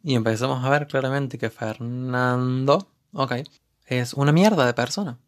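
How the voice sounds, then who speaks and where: A man's voice: medium pitch, moderate pace. A man with an Argentine accent recapping a TV series episode in a casual, sarcastic way with joking asides. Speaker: TV series reviewer.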